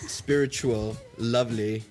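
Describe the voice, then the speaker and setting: A man's voice: mid-range voice, fairly even intonation, a little slow. A man hosting a comedy radio show, joking, swearing and chatting loosely with his studio guests. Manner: joking, swears, slips into silly voices. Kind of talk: irreverent comedy radio chat. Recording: studio mic with music bed behind. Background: music.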